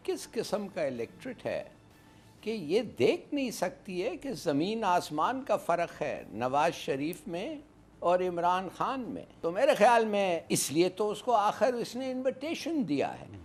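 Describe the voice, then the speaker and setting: A man's voice: high-pitched, a little hiss or hum. A man giving opinionated political analysis, slipping English phrases into his speech.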